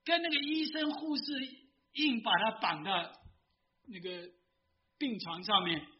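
Guy retelling a remorseful old professor confessing, highish voice, kinda lo-fi. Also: big pitch swings, a little slow. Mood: anguished.

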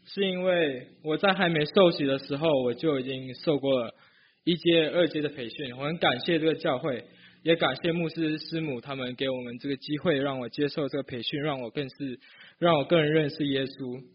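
A man's voice: a little high, brisk, breathy edge, lo-fi sound. Earnest young man from Malaysia. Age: young adult. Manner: earnest, hesitant, with frequent restarts. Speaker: student giving a testimony. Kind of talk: personal church testimony.

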